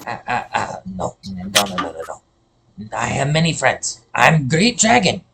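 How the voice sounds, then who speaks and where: A man's voice: mid-range voice, huge pitch swings, unhurried, gravelly, background noise, full character voice. A man voicing a small boastful male kobold who thinks he is a dragon, talking in broken, possessive phrases. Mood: grumpy. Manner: broken grammar, repeats no, possessive.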